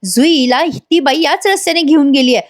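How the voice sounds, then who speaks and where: A decisive young husband gives quick, urgent orders, as a woman narrator voices him without lowering her voice. It stays higher than her narration. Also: close to an everyday voice.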